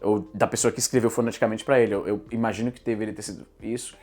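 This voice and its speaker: A man's voice: lowish voice, little pitch movement, racing, darkish tone, soft background music. Brazilian man explaining English usage. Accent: Brazilian Portuguese. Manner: explains patiently with worked examples. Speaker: English teacher and YouTuber. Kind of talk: explanatory commentary.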